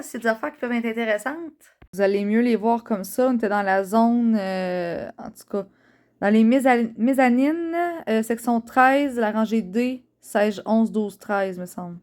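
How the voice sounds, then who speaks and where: A woman with a Québécois French accent chats casually to her vlog audience. Her voice sits a touch high, and she talks in a loose, slangy way full of little fillers. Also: normal speed, darkish tone. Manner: chatty, fillers and slang, reading old cards aloud. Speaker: vlogger. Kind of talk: casual nostalgic vlog chat.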